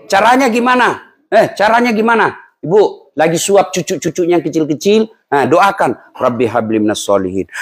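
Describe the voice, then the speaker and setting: Male preacher, high-pitched and animated, loud-to-quiet sermon delivery. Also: slightly rough. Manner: animated, swings from loud to hushed, acts out quoted parents and children. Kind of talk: lively sermon to a live congregation.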